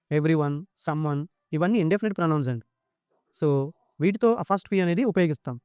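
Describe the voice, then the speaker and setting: Telugu-accented male grammar tutor, crisp tone, switches to slow deliberate English for rules. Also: a little high, a little mellow, dry recording, clean studio sound. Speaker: English teacher. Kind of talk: exam-prep grammar lesson.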